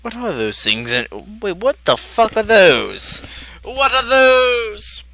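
A cackling, crude villain clown, put on by a woman who swings wildly up and down as he talks. He drawls slowly with a bright, edgy tone. The voice sits close and dry on the mic. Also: mid-range voice, big pitch swings, dry recording, full character voice. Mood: gleeful, unhinged. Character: manic giggling male villain clown. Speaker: video reactor in character. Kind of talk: in-character reaction commentary.

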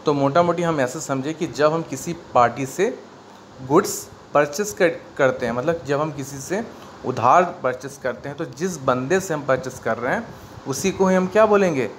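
A man's voice: a little high, normal speed. A man with an Indian accent teaching an accountancy lesson, explaining step by step and asking and answering his own questions. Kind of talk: classroom lecture mixing Hindi and English. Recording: faint background noise.

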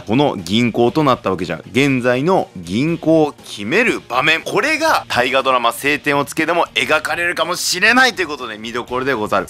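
A man's voice: a little high, a bit bright. A man explaining history as a channel host in the persona of a samurai warlord, with archaic wording and emphatic, theatrical delivery.

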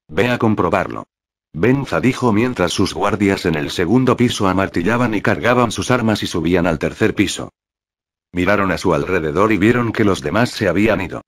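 Male fanfic narrator, very low pitch, steady flat delivery.

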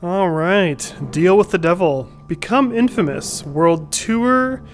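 A man's voice: high voice, lively intonation, slow. A man hosting a gaming video, giving casual, chatty playthrough commentary and reading screen text aloud. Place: indoor room at home. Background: game music.

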